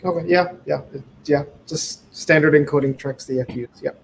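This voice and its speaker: A man's voice: on the high side, steady tone, normal speed, creaky, slight background noise, poor audio. A man in the audience asking casual questions and thinking aloud about the answers.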